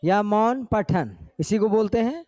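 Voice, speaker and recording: A man's voice: high-pitched, lively intonation, unhurried, darkish tone, no echo, studio quality. A male teacher giving a classroom lecture, explaining step by step and often checking in with his students. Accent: Jharkhand Hindi.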